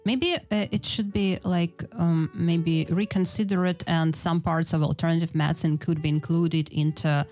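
A woman's voice: on the low side, steady tone, normal speed, hardly any pauses, a little mellow, faint music behind. A woman with a Russian accent in a casual group discussion in English, speaking hesitantly as she thinks aloud.

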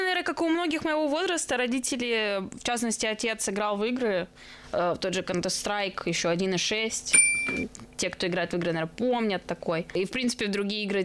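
Woman, twenties, from Russia, streamer guest, casual podcast chat, animated storytelling, middle pitch. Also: background noise. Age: 20s. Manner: lively storytelling with acted-out quotes. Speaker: guest streamer and esports caster.

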